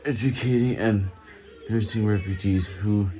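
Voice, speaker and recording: A man reading a text aloud haltingly while doing push-ups, in short, strained phrases under physical exertion. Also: on the low side, steady tone, mellow.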